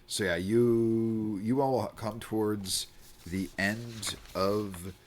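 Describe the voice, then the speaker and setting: A man running a tabletop game as game master, improvising his narration in a halting way. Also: on the low side, steady tone, slight background noise.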